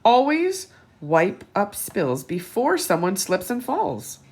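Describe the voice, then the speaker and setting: A woman voicing an earnest male police officer who announces safety rules deliberately in a children's storybook. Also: medium pitch, wildly swooping pitch, darkish tone, slightly rough, heavily acted. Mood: earnest, instructive. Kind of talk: children's storybook character reading.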